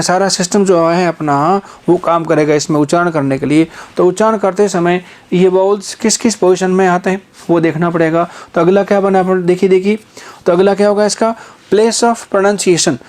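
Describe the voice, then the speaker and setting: A man's voice: high-pitched, fairly even intonation, a little mellow. A man is teaching a phonetics class for exam students. He keeps asking rhetorical questions and stretches out the sounds he uses as examples. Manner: repetitive rhetorical questions, drawn-out vowel examples. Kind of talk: exam-prep phonetics lesson.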